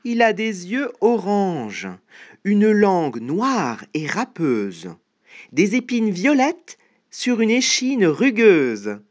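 A storyteller voicing a small, clever, boastful mouse in a read-aloud storybook, speaking in a cheeky, squeaky way. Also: huge pitch swings, takes it slowly, heavily acted.

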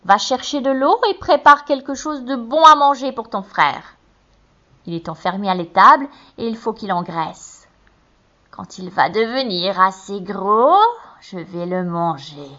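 A woman's voice: very animated, slow, pushed and bright, highs cut off, heavily acted. Woman playing a wicked old witch. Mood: barking. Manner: honeyed then shrill and barking. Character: wicked old witch, half-blind, cruel.

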